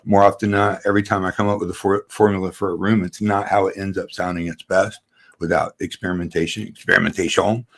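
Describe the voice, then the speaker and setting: A man's voice: low voice, level tone, quick pace, fairly bright tone. A man in a casual livestream chat explaining room acoustics in a loose way, with many fillers. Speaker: acoustics company guest.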